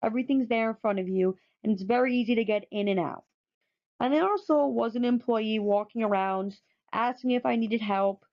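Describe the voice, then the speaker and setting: A woman narrating a photo presentation, enthusiastic and often repeating words for emphasis. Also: on the high side. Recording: dull lo-fi recording.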